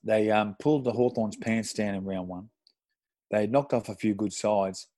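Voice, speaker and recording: A middle-aged Australian man, a former footballer, telling an animated, sweary anecdote with self-deprecating laughs in casual podcast chat. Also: on the low side, normal speed, dry recording. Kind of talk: casual storytelling.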